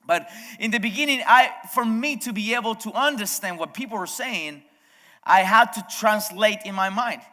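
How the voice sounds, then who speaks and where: This male pastor, a native Spanish speaker, has a high, sharp voice and speaks at a normal pace. He delivers his sermon conversationally, speaking straight to the congregation and often restarting sentences, and the service echoes around a large hall.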